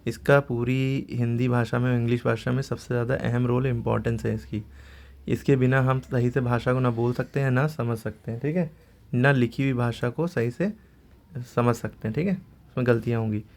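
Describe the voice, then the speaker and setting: A man teaching a grammar lesson at a steady mid pitch, with a gravelly, creaky edge to his voice. He explains patiently, repeating points and checking in with his listeners as he goes. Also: normal speed. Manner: patient, repeats "ठीक है" often.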